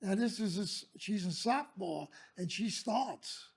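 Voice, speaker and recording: An older man chats casually and reminisces. His voice is notably high for a man, with a rough rasp and plenty of fry. He speaks haltingly, often starting a phrase over. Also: lively intonation. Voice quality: raspy, creaky.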